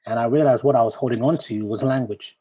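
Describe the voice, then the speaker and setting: A man from Uganda, a poet, giving a thoughtful talk over a video call, asking questions and pausing with ums and restarts. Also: medium pitch, mellow, husky, rough recording. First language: Luganda. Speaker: poet, guest speaker. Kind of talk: reflective talk to an online assembly.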